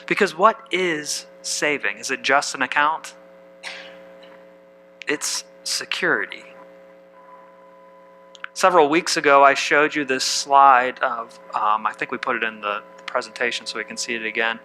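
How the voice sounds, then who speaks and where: A man's voice: mid-range voice, measured pace, long pauses, sharp tone, slight background noise, low-quality recording. A man preaching a sermon as pastor, reading scripture aloud and putting questions to the congregation.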